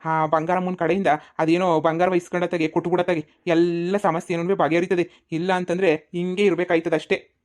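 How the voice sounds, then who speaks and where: A man's voice: sits high, flat delivery, a little fast, close to an everyday voice. A man voicing an irritated village brother and husband in a cartoon comedy, scolding and exasperated.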